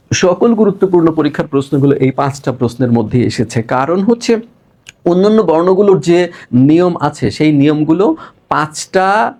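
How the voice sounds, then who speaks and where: A young man from Bangladesh teaching an exam-prep lecture, explaining step by step and checking in with students, slowing and stretching words as he writes on the board. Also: on the high side, creaky, darkish tone.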